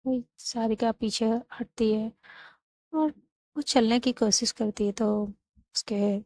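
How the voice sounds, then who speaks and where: A woman hosting her own channel, retelling a romantic story in a chatty, animated way. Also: a little high, takes it slowly, no room sound.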